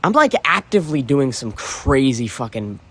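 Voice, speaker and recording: A man's voice: mid-range voice, big pitch swings, moderate pace, a bit bright, husky. A man talking in a loose, rambling solo monologue, swearing freely and leaning on "you know" fillers. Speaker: podcast host.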